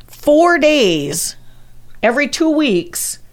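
A woman's voice: high-pitched, sing-song, drawn-out words. Chatty Midwestern woman with lots of ums. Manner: rambling, hesitant, fillers and restarts, chuckling. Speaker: podcast host presenting local history. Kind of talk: casual chat.

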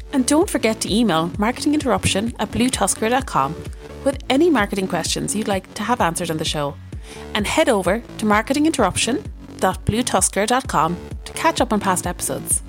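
Lively female announcer over music. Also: mid-range voice. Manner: polished, announcer-like. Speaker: show announcer. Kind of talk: scripted intro and outro voice-over. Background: music bed.

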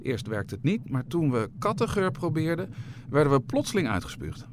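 A man reading a children's adventure story aloud with an expressive, playful delivery. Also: a little high, normal speed, background noise.

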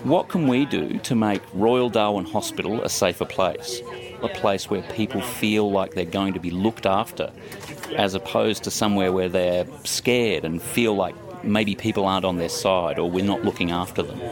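Deep-voiced male interviewer over music. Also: normal speed. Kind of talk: interview questions.

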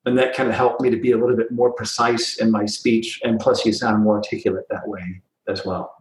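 Lively man in an echoey room. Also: on the low side, brisk, a little hiss or hum. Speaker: recruiting guest. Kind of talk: podcast interview.

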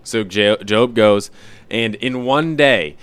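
A man's voice: fairly low pitch, slow, smooth. A young man co-hosting a church podcast, talking casually and jokingly about a Bible story with lots of fillers. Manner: relaxed, jokey, full of fillers. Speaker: podcast co-host. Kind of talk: casual chat about Scripture.

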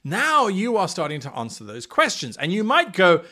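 Speaking at a normal speed in a high-pitched voice, a man hosts a solo podcast offering game master advice. He talks enthusiastically and animatedly about running tabletop games, now and then slipping into playful put-on accents.

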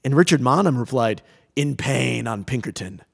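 A man co-hosting a casual music podcast, jokey and quick to laugh. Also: mid-range voice, creaky. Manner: jokey, laughs often, animated. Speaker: podcast co-host.

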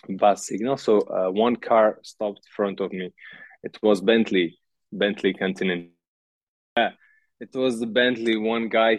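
A man from Uzbekistan, a podcast guest telling his own life story haltingly, with many pauses and restarts. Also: on the low side, no room sound. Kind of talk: emotional personal storytelling.

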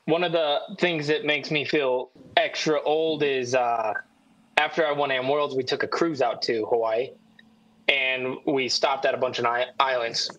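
A middle-aged man, a podcast co-host, telling a story in a warm, unhurried way. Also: medium pitch, fairly even intonation, low-quality recording. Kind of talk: casual storytelling.

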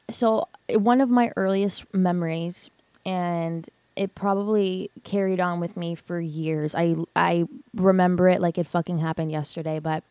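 A woman's voice: fairly low pitch, dark tone, no echo. A woman in her twenties hosting a podcast, telling a personal story in a candid, rambling way and swearing often. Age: 20s. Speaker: podcast host.

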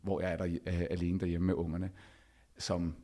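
A middle-aged man, a podcast host, telling a personal story in an animated way and acting out the dialogue himself. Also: low voice. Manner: animated, acts out quoted dialogue.

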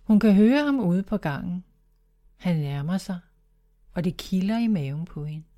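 Woman calmly reading a children's story. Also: lowish voice. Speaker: narrator.

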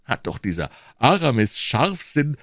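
A man reading an audiobook, voicing a boisterous, blustering male musketeer in a loud, emphatic way. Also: medium pitch, very animated, unhurried, no echo, studio quality, voice pushed up. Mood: delighted.

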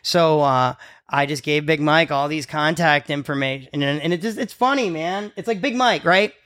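A man's voice: a little high, moderate pace, a bit bright. A man in his forties telling crude, profane comedy stories in a casual podcast chat. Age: 40s. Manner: crude, profane, rambling anecdotes. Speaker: podcast host.

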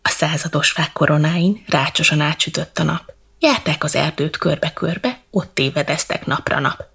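Woman storyteller, bedtime verse, gravelly and very husky, lowish. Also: a bit bright. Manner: slow, rhythmic verse reading.

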